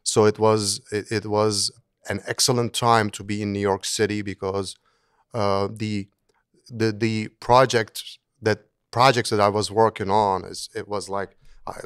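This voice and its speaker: A man's voice: on the low side, little pitch movement, measured pace, clean tone, no echo, clean studio sound. A middle-aged man from Turkey, speaking as an interview guest in an earnest way, often restarting and repeating words. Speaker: guest, engineering professor. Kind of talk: conversational interview.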